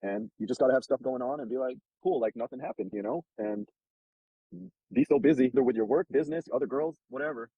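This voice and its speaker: A man's voice: mid-range voice, quick pace, husky, no room sound, lo-fi sound. A man hosting a casual advice chat, blunt, profane and streetwise, talking from a car. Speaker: host giving dating advice.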